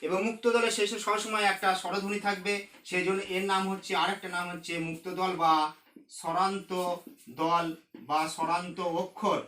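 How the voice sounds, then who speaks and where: A man teaching a recorded lesson, explaining slowly and repeating key terms. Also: sits high, little pitch movement, sharp tone, roomy sound.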